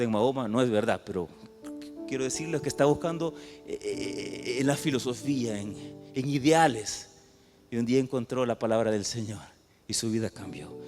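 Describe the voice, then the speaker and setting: A man preaching a sermon to his congregation. He swings between loud outbursts and hushed passages, and he often puts questions to the listeners. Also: medium pitch. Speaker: pastor. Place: church hall. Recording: echoey church hall with faint music.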